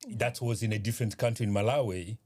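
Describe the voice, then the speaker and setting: A man from eastern Congo, speaking as a guest in an interview, measured and hesitant with many pauses and fillers. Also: on the low side, steady tone, darkish tone. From Eastern Democratic Republic of Congo. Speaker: guest, community organization founder. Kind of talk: interview conversation.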